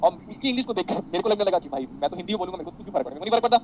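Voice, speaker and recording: A man teaching a classroom lecture, animated, mixing explanations with anecdotes for his students. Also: high-pitched, racing, a little hiss or hum, poor audio. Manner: animated, addresses students as beta, tells anecdotes.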